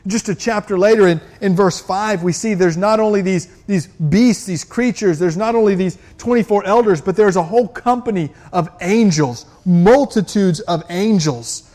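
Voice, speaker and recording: Animated high-voiced man preaching. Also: normal speed, few pauses. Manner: animated, acts out scripture quotes with rising intensity. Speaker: pastor. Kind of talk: sermon.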